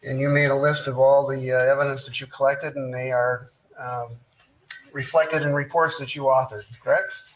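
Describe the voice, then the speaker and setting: A man's voice: mid-range voice, level tone, a little hiss or hum, rough recording. Male defense lawyer in a courtroom recording. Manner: measured, methodical questioning with frequent "uh" pauses. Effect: courtroom recording played into the show. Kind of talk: courtroom cross-examination.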